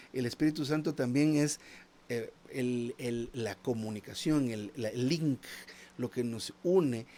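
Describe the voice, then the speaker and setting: A man's voice: mid-range voice, darkish tone. Man preaching in a conversational tone. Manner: conversational, asks the listeners "¿verdad?" often; repeats small words while searching for the next phrase. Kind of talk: sermon.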